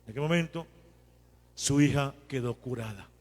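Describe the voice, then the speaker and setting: Chatty priest in an echoey church. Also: male voice, mid-range voice, normal speed. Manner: conversational, animated retelling with acted quotes. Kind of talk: homily.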